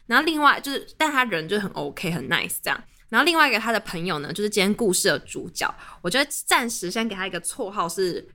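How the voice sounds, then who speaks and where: A young woman with a Taiwanese Mandarin accent tells a story quickly and vividly. Her pitch swings widely, and her voice is bright and forceful. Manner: animated, chatty storytelling. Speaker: podcast host. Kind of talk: casual storytelling chat.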